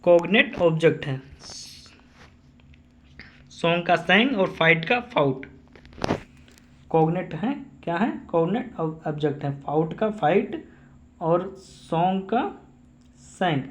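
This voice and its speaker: A man's voice: fairly high pitch, lively intonation, slow, long pauses, fairly bright tone. A man teaching English grammar, repeating each definition and asking and answering his own questions. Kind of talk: classroom-style grammar lesson.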